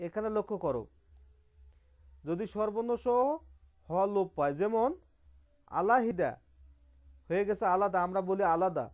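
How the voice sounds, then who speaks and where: A man's voice: high-pitched, darkish tone, lo-fi sound. A man teaching grammar over slides, explaining step by step and repeating key terms, asking questions and answering them himself. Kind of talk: online slide lesson.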